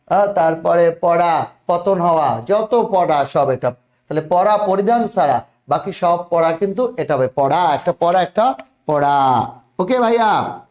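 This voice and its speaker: A man's voice: a little high, echoey room. A man teaching a spelling lesson online, repeating words and often checking that students follow.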